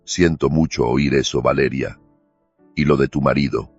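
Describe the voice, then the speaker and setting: A man voicing a cold, measured senior law partner. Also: a bass voice, fairly even intonation, breathy edge, heavily acted. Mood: impassive. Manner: slow, measured, emotionless, probing. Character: cold, unflappable older male law firm boss. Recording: dull lo-fi recording with faint music.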